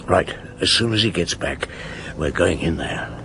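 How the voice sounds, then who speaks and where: A man's voice: deep voice, expressive, unhurried, background noise. An actor playing a seasoned, fatherly chief inspector in a radio drama, terse, dry and authoritative. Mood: terse, commanding. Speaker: lead detective in a radio drama. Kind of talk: naturalistic radio drama acting.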